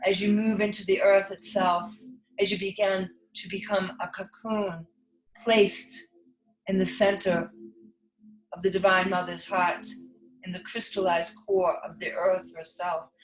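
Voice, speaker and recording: A woman leading a guided spiritual meditation in a slow, hushed delivery with long pauses. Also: on the low side, flat delivery. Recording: echoey reverb over soft music.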